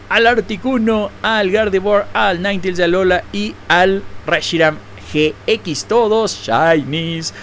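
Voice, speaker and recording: A man hosting a card-opening video, excitedly naming each card and repeating himself. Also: high voice, slight background noise. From Mexico. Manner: excitable, exclaims and laughs at rare pulls, repeats phrases. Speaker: card-opening channel host. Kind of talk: excited unboxing commentary.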